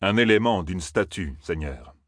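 A man's voice: sits low, lively intonation, unhurried, fairly bright tone, dry recording, studio quality, exaggerated voice. A man voicing a guarded young lord who answers in a curt, wary way, in an audiobook.

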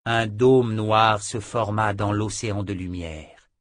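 A man narrating a fantasy novel aloud in a steady, dramatic storytelling manner. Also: fairly low pitch, slow, no room sound, studio quality. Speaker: audiobook narrator. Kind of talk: scripted narration.

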